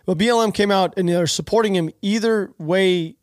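A man with a high voice hosts a podcast at a moderate pace, sounding nasal and blocked up from allergies. He works through the news casually, rambling and opinionated, with many restarts in his political commentary. The studio sound is clean and dry.

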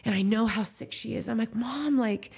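A professional trail runner from Southern California, a woman in her thirties, tells a heartfelt story in a podcast interview, candid and sprinkled with "like" and "you know." Her voice is a little high and gravelly with a breathy edge and a slightly mellow quality, and she talks quickly with little change in pitch.

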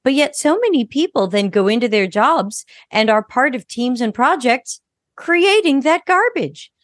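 A woman's voice: sits high, expressive, measured pace. Woman guest on a podcast, blunt, bit sarcastic, dry sound no room echo. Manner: frank, mildly sarcastic. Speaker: guest expert. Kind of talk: podcast interview.

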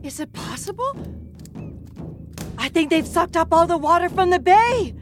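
A woman playing a calm, brave mother, very high voice. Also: moderate pace, in a large hall, music in the background. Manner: soft, steady and reassuring.

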